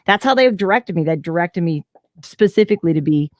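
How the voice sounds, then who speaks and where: With a fairly low, animated voice that runs a little fast, a Southern United States voice actor shares stories as a guest in a casual video-call interview. She's chatty and leans on fillers; the sound is clean studio audio with no room sound.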